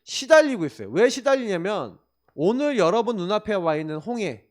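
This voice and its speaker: High, animated Korean man preaching. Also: fairly quick. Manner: emphatic, conversational preaching with rhetorical questions. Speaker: pastor. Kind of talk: sermon. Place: church.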